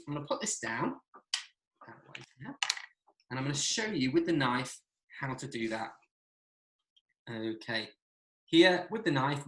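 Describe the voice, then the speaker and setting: A man's voice: medium pitch, fairly bright tone, a little hiss or hum. A British man giving a live outdoor cooking demonstration by a campfire, instructive and friendly, speaking to children watching. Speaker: forest school instructor.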